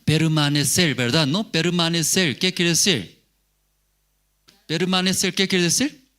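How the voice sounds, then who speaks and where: A man's voice: a little high, unhurried, pushed and bright. A male pastor giving a sermon, asking the congregation rhetorical questions and repeating key words.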